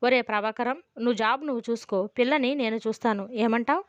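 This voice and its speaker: A woman's voice: on the high side, brisk, no room sound, natural voice. A woman reading the part of a teasing, affectionate middle-aged woman doctor who is an aunt. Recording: dull, dry lo-fi recording.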